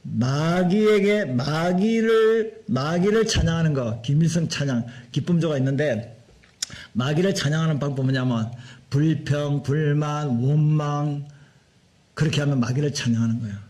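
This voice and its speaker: A man preaching a Sunday sermon as a pastor, animated and full of rhetorical questions. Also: a little high, normal speed. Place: church sanctuary.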